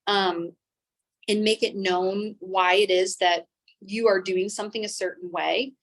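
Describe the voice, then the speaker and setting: Calm, even-toned young woman teacher. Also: mid-range voice, unhurried. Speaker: teacher and interview guest. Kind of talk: interview conversation.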